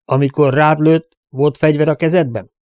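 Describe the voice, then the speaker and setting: A man's voice: fairly high pitch, steady tone, darkish tone, no room sound, voice pushed up, natural voice. Commanding frontier sheriff, read by a man, firm and raised, dry close sound. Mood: stern. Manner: questioning, challenging a crowd.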